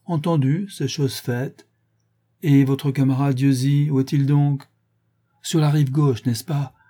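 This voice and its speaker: A suave gentleman thief, put on by a male reader, teasing and grandiloquent in a raised, bright-edged tone. The voice stays husky and mellow underneath, full of ironic flourish. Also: mid-range voice, steady tone, slow, voice pushed up. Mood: mocking. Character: suave, mocking gentleman thief, adult man.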